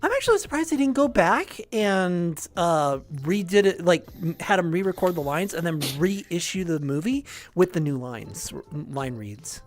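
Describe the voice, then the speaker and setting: A woman's voice: fairly low pitch, very animated, normal speed, hardly any pauses, soft background music. A woman streaming live, chatting casually and laughing often. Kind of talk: casual chat.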